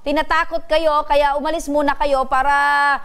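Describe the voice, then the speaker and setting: A woman hosts a radio interview in a high voice. She asks probing questions and keeps stopping to clarify and sum up what she has heard. Her delivery is measured and steady. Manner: probing, often clarifying and summarizing answers. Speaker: radio program host.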